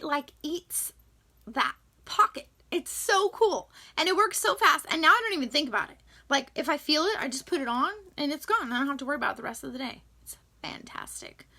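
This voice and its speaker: A woman's voice: high voice, pushed and bright. A young woman chatting casually to the camera, enthusiastic and full of fillers, sharing tips on essential oils.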